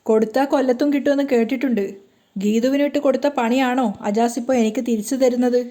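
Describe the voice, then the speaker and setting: A jealous, nervous young husband, read by a woman storyteller, careful and pleading. His lines come a little higher than the reader's usual voice. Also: fairly even intonation, fast, mellow, close to an everyday voice. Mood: muttering. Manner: timid, pleading.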